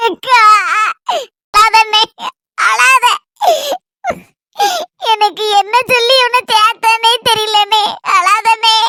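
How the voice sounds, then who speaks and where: A woman's voice: extremely high pitch, moderate pace, pushed and bright, no room sound. A woman playing a remorseful younger sister who sobs and keeps calling herself a traitor in a homemade family skit. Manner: tearful, self-reproaching, repeating herself. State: crying.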